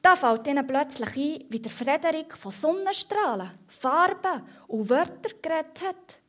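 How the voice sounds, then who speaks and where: A woman reading a children's story aloud in a slow storytelling manner, then moving into a short devotion. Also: high voice, expressive, fairly bright tone.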